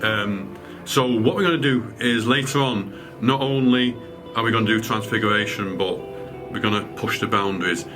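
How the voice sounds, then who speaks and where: A man leading a night-time ghost hunt as a medium, calm and reassuring, often stumbling over his words. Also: fairly low pitch, moderate pace, hardly any pauses, music in the background. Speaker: medium leading a paranormal investigation. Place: indoors in a house at night.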